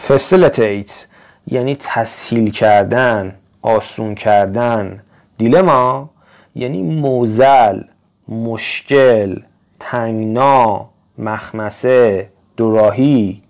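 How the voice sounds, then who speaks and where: A man teaching English, reading English sentences slowly and then translating them quickly. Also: mid-range voice, a little mellow. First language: Persian. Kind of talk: reading a story aloud and translating it line by line.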